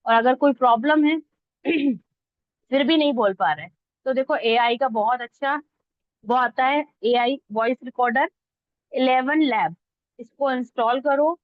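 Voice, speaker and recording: An online instructor, a woman with a high voice, walks through reel editing step by step in an informal, conversational way, making sure listeners keep up. She speaks at a measured pace with frequent pauses. The sound is dull, lo-fi, close and dry, with no room sound.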